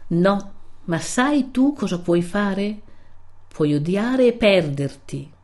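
A woman's voice: mid-range voice, expressive, slow pace, darkish tone, pitched above the performer's own voice. A woman voicing a stern, righteous old male friar who rebukes a young man, solemn and grave.

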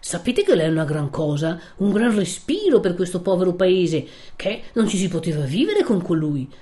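A woman's voice: on the low side, big pitch swings, moderate pace, mellow. A woman reading aloud, voicing a timid, fussy old village priest who talks in a worried, wordy, cautious way. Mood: relieved, gloating. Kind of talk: reading a classic novel aloud.

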